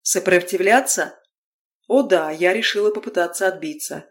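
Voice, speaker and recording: A woman narrating a fantasy novel in the first person, telling it in a wry, lively way. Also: on the low side, moderate pace. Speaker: audiobook narrator.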